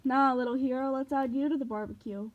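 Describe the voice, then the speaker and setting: A woman's voice: sits high, steady tone, fairly quick, close to an everyday voice. A woman voicing a boastful, brutal male war god who taunts his young foe, read from a novel. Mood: taunting. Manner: taunting, swaggering. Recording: dull lo-fi recording.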